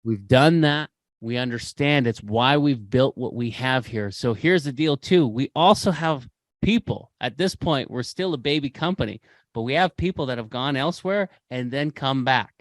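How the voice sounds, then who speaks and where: A man's voice: mid-range voice, normal speed, dry recording. A man hosting a podcast, speaking with impassioned, preachy conviction and repeating phrases for emphasis. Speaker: podcast host. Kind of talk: motivational podcast talk.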